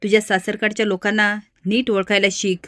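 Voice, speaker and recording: A woman narrator voicing a scheming, sharp-tongued aunt who talks down scornfully. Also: mid-range voice, level tone, a little fast, no echo, natural voice. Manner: scornful, heated.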